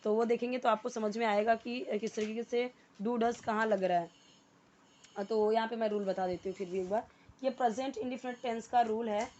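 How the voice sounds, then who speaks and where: A woman with a fairly high voice teaches an English lesson, repeating words and slowly reading out and translating examples. She switches easily between Hindi and English. The recording sounds dull and muffled. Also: steady tone, dark tone.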